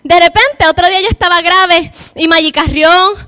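A woman's voice: very high voice, steady tone, moderate pace, pushed and bright. A woman giving a heartfelt personal testimony to an audience, often repeating words for emphasis. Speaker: speaker giving a faith testimony.

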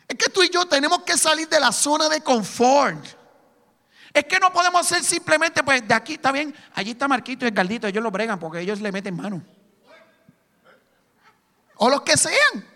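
A man's voice: very high-pitched, bright, forceful tone, big-room sound. A man preaching a sermon to a congregation, emphatic and full of rhetorical questions. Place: church sanctuary.

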